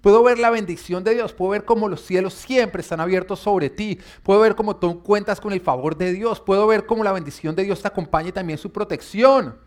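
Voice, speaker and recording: Male preacher, emphatic sermon delivery, voice sits a bit high. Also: brisk, hardly any pauses, darkish tone. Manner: emphatic, asks the congregation questions.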